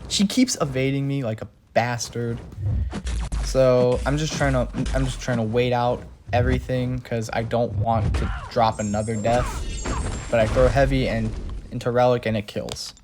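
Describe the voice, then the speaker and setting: A man's voice: medium pitch, steady tone, normal speed, music in the background. A man narrating a recap of his game fights in an exasperated, rambling play-by-play. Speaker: game channel creator. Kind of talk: gameplay recap voice-over. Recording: clear background noise.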